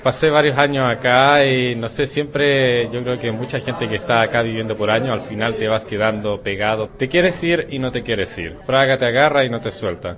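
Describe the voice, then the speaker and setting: A man from Chile with a Chilean Spanish accent, a Spanish teacher answering interview questions in a relaxed, rambling way with hesitations. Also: mid-range voice.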